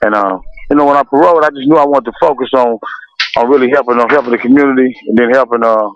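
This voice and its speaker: A man from Los Angeles, a music producer as guest, speaking candidly and unhurried with restarts. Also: medium pitch. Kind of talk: casual interview. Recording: dull lo-fi radio sound.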